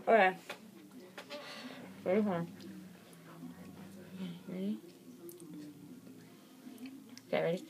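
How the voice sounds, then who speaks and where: A woman's voice: medium pitch, lively intonation, measured pace, noisy background. A young woman hosting a casual vlog, giggly and bossy as she tells her friend what to do. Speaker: vlog co-host. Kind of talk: casual home vlog chat.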